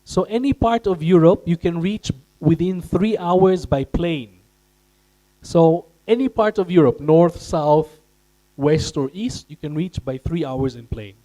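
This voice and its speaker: A man from Austria gives an informational presentation to young students. His voice sits a little high and has a mellow tone. He talks to the crowd directly and puts questions to them. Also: a little slow, poor audio. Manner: engaging, addresses the audience directly with questions. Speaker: presenter at a career event.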